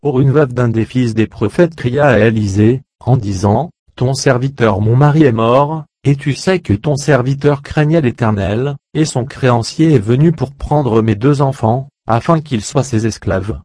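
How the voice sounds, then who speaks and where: A man reading an old French Bible translation aloud as steady scripted narration. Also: medium pitch, measured pace, hardly any pauses, no room sound. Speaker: Bible reader.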